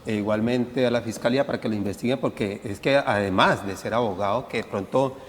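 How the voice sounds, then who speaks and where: Measured male panelist, hall reverb. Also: on the low side. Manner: measured, argumentative, hesitant fillers. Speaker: talk show panelist. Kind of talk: political talk show discussion.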